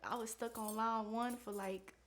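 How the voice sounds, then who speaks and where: Candid woman with a slightly high voice. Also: fairly even intonation, moderate pace, a little hiss or hum. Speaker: contestant. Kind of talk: casual chat.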